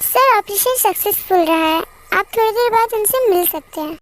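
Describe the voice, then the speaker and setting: A young woman narrating and voicing the roles of an amateur fan dub drama in a rushed, dramatic way. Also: extremely high pitch, lively intonation.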